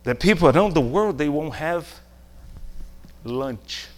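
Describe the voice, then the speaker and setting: A middle-aged native Portuguese speaker from Brazil, with a Brazilian accent, preaches a sermon emphatically, using short phrases and rhetorical questions. His voice is a little high and animated, and he speaks at a slow pace.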